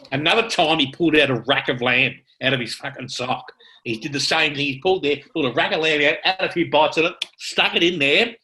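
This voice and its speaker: A man's voice: mid-range voice, bright, forceful tone. A man casually telling rambling club stories, swearing in passing. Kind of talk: casual storytelling.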